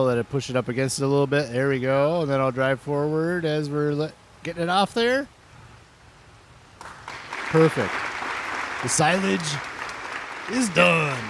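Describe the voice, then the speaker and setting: A man's voice: fairly high pitch, fairly bright tone, slight background noise. Easygoing man rambling over gameplay. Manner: rambling, easygoing, thinks aloud. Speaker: gaming channel host. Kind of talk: casual gameplay commentary. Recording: music playing under the voice.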